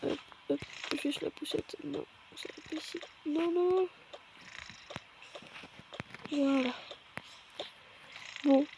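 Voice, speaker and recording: A woman's voice: sits high, fairly even intonation, takes it slowly, long pauses. A woman casually narrating a role-play as she plays a game, chatty and talking through each step aloud. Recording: noisy home background.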